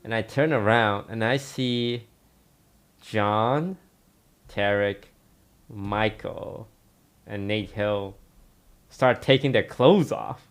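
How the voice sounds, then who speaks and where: A young man on a podcast telling a story in a relaxed, rambling way, full of fillers. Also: fairly low pitch, slow pace, long pauses, smooth. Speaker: podcast co-host. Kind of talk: casual storytelling.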